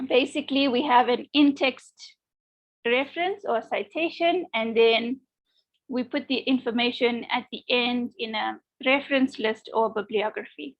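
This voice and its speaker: A woman's voice: fairly high pitch, low-quality recording. A woman lecturer giving an online class, encouraging students and often checking in with "okay?".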